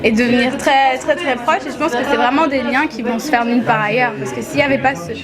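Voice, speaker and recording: A woman's voice: sits high, steady tone, fast talker. A young woman in a documentary interview, speaking hesitantly with many restarts. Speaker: dance group member. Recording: music loud behind.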